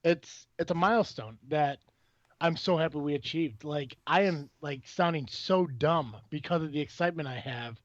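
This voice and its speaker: A man hosting a casual podcast, talking excitedly and rambling with many restarts and fillers. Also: a little high, moderate pace, no room sound, muffled recording. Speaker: podcast host.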